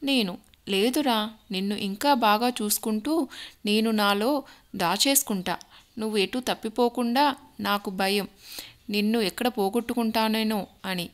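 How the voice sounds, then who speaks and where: A woman's voice: mid-range voice, measured pace, long pauses, close to an everyday voice. A woman voicing a devoted young man speaking lovingly to his bride-to-be in an audio story, playful and earnest. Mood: tender.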